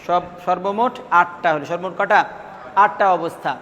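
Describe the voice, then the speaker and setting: The recording is muffled, with a big-room sound, as a man whose voice sits high and fairly bright speaks at a moderate pace. In this classroom lesson on Quran recitation rules, he asks students questions, repeats the answers, and draws out syllables as a drill.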